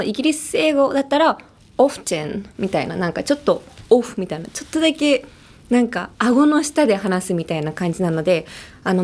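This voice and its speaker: A woman's voice: high voice, darkish tone. A young American woman hosting a podcast, chatting casually and laughing often as she switches between languages. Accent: American English. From Los Angeles. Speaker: podcast host. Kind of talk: casual bilingual chat.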